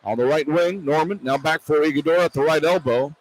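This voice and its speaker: A fast-talking American man with a fairly high voice calls live basketball action for radio in clipped, terse phrases. He's courtside in a large indoor arena, and the poor-quality broadcast carries clear arena noise and ambience.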